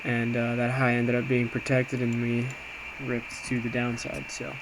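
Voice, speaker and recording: With a medium pitch and a measured pace, a man casually walks through a screen and recaps his trades. He's an amateur day trader, sounding informal, hesitant and self-reflective. The recording is clear, steady background noise aside.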